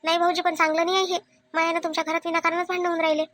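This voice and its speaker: A woman's voice: extremely high pitch, level tone, rapid-fire, a bit bright, no echo, studio quality. A woman voicing a meek, childless widowed aunt who pleads her case, with a Vidarbha Marathi accent, in a cartoon comedy. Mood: hurt. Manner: pleading, self-defending.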